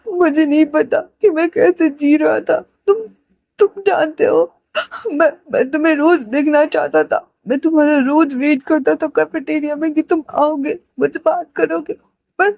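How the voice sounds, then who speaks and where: A woman's voice: sits high, a little mellow, no room sound, muffled recording. A woman voicing a tender young man who pleads and cries for his lover in an emotional storybook reading. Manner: emotional, pleading, often tearful.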